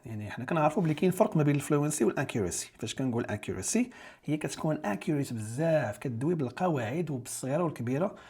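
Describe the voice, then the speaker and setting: A man's voice: fairly high pitch, a little mellow, slightly rough. A man with a Moroccan Arabic accent teaching an exam-prep lesson, explaining step by step and rephrasing key English terms in Darija.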